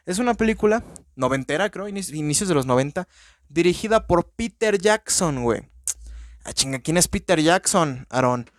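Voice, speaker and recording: A man with a Mexican accent hosting a podcast, rambling through a casual, profane, excitable movie-review monologue. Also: fairly high pitch, moderate pace, dry recording, clean studio sound. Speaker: podcast host.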